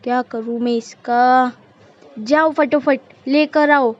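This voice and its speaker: Woman doing a cartoon mother-in-law, bossy, nagging, high voice, slow delivery, dull lo-fi sound. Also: steady tone. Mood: scolding. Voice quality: sharp, nagging, commanding. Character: bossy scolding middle-aged mother-in-law. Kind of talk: cartoon voice acting. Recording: dull lo-fi recording.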